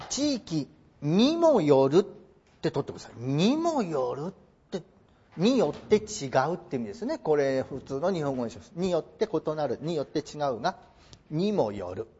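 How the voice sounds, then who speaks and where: High-pitched guy teaching english translation, jokey but formal and polite, muffled lo-fi sound. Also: sing-song, moderate pace, warm tone, husky. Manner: playful, joking asides with formal polite phrasing. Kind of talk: classroom lecture on English translation.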